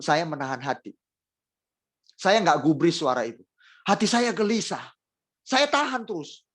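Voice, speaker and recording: A man preaching a sermon, speaking straight to the congregation and repeating phrases for emphasis, with emotional swings between loud and soft delivery. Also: sits high.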